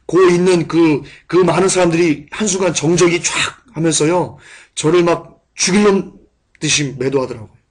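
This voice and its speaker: A man preaching a sermon and telling a personal testimony, moving between hushed, quiet recollection and loud, passionate outbursts. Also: a little high, normal speed. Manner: impassioned, swings from hushed to shouting.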